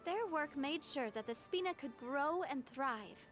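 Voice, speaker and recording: Unhurried and expressive, this high female voice belongs to an actress playing a self-assured heiress in charge of her late father's family group. She speaks frankly and comfortably in a game cutscene, over faint music.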